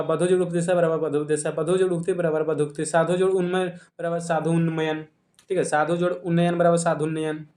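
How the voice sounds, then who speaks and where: A man's voice: high-pitched, reverberant. A man with a Bihari Hindi accent teaching a grammar lesson online, explaining step by step and repeating each example.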